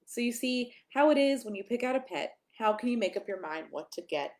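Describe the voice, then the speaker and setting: At a children's storytime, a woman with a fairly high voice reads a picture book aloud. Her reading is expressive and sing-song, full of emphatic pauses and small asides to her young listeners.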